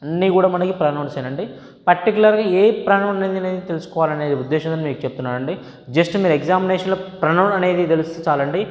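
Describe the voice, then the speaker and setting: High-voiced Telugu-accented man lecturing, echoey. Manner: switches between Telugu and English, repeats each definition slowly. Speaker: English lecturer. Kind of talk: recorded class lecture. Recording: echoey room with long reverb.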